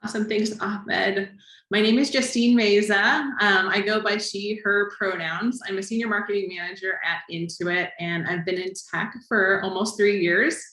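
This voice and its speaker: A woman's voice: medium pitch, fairly even intonation, normal speed, pushed and bright. A woman speaking on a panel in an upbeat way, with frequent fillers. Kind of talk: panel discussion. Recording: echoey room.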